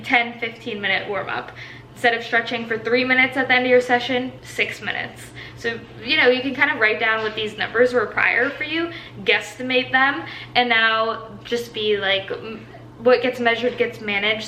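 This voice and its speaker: A Brazilian fitness coach in her twenties, whose first language is Portuguese, gives tips in an upbeat, chatty Q&A monologue packed with "like"s. Her voice is fairly high and sharp, and the poor, reverberant recording carries slight background noise.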